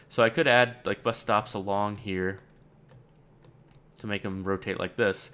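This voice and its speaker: This let's-play gamer has a voice on the low side with a slightly bright quality. He thinks out loud on camera in a casual, rambling way, slipping in dry sarcasm along the way.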